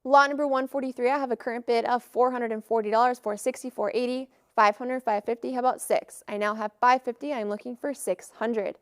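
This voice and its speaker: A woman auctioneer calling bids in a live auction with brisk, formulaic patter. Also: fairly high pitch, steady tone, smooth, dry recording, clean studio sound.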